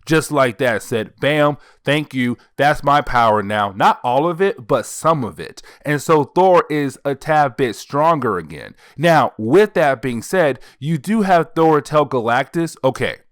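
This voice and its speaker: A man's voice: mid-range voice, expressive, unhurried, hardly any pauses, smooth, dry recording, studio quality. A man hosting a comic book channel, retelling a story in a loose, conversational way. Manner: conversational, retells dialogue loosely in plain speech. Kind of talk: casual comic story recap.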